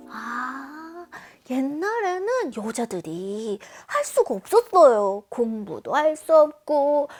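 A woman giving a children's sermon, speaking to kids in a playful, very expressive way. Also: high-pitched, slight background noise. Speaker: children's preacher.

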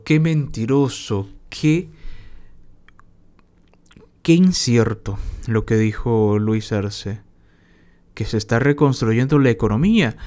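A man from Bolivia ranting as a political commentator, sarcastic and insulting, scornful of what he just heard. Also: medium pitch. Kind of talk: angry political commentary rant.

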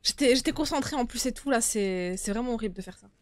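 A young woman with a slightly high voice comments live as she plays a horror game. She talks casually to her viewers, in informal language with some swearing. She speaks into a close microphone in a small room. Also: animated, quick pace, dry recording. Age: young adult. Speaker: game streamer. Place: small indoor streaming room. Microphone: close desktop streaming microphone.

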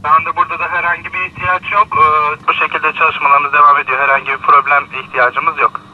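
A man's voice: fairly high pitch, level tone, fast talker, phone-quality sound, very noisy. A man giving a police officer's status report over the radio.

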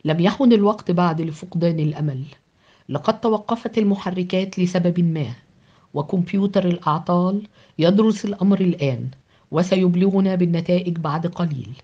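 A woman voicing a firm, measured male team leader in an audio novel. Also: on the low side, dark tone. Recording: dull lo-fi with background music.

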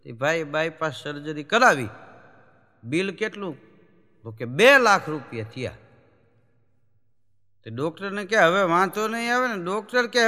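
The voice is a man's, high and carrying a long reverb tail. He's a stand-up comedian doing live Gujarati folk storytelling, lively and changing voices to act out what the characters say.

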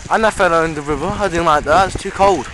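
High-voiced guy shouting on a bike ride. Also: quick pace, rough recording. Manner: bossy, teasing, shouts urging his friend on. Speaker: cyclist filming a bike ride. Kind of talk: casual running commentary while cycling. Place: outdoors on a rural roadside cycle path. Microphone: camera held while riding a bike. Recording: wind noise on an outdoor camera mic.

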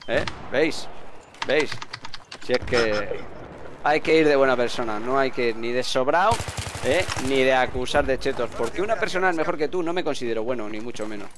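A man giving mocking, excitable gameplay commentary, repeating words quickly when excited. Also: medium pitch, noisy background. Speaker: gaming video host. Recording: game gunfire behind voice. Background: shooter game gunfire.

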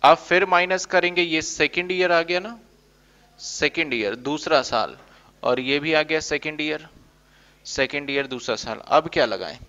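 A man's voice: a little high, measured pace, bright, forceful tone. A man teaching an accounting class in a playful way, acting out his students' questions. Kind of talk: classroom lecture. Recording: dull lo-fi recording.

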